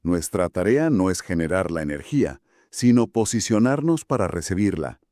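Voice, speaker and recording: Deep-voiced man, measured. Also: big pitch swings, dark tone, dry recording, clean studio sound. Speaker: podcast co-host. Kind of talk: scripted conversational Bible study podcast.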